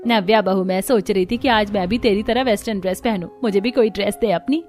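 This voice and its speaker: A woman's voice: mid-range voice, fast, darkish tone, soft background music, natural voice. A woman voicing a brusque, commanding older mother-in-law in a cartoon story. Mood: playful. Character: older mother-in-law, gruff but doting.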